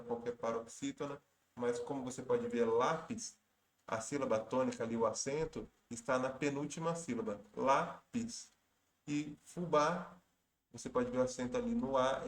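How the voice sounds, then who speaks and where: A man teaching Portuguese grammar for exam prep. He works through each question step by step, patiently, and often stops to correct himself. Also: medium pitch. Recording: roomy echo.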